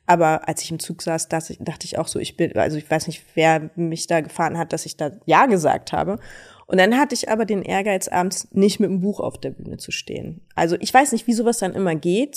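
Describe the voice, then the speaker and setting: A woman's voice: fairly low pitch, brisk. A woman, a stage and screen actress, talking casually and emphatically as a podcast guest. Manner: lively, emphatic storytelling. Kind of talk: casual interview chat.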